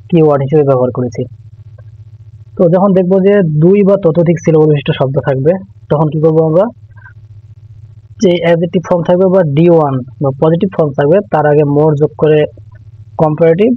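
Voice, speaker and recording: A man teaching English grammar in an online lesson, patient and repeating the key rules, sometimes pausing to think aloud. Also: fairly high pitch, no room sound. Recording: tinny phone-like sound.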